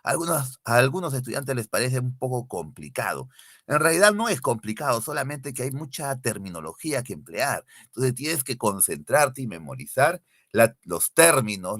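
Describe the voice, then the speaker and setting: A man teaches an online lesson over a computer mic, drilling definitions and firing exam-style questions at his students. His voice is bright and forward, with a pitch that rises and falls widely. The sound is dry and close, with no room echo. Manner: repeats key definitions, quizzes students directly. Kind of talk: online exam-prep class. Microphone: computer mic, screen sharing.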